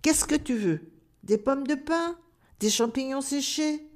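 A woman voicing a busy grown male squirrel in a storybook, talking briskly and scolding. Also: sits high, darkish tone, voice pushed up.

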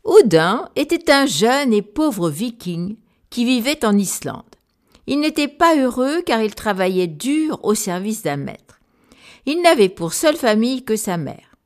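A woman narrating a children's story in a clear, gentle storytelling manner. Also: a little high, sing-song, unhurried.

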